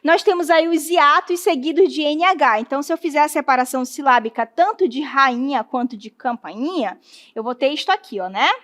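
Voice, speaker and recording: High-voiced Brazilian woman teaching a class. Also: fairly bright tone. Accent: Brazilian Portuguese. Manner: explains step by step, checks in with the class; drawn-out spelling of syllables. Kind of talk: classroom lesson.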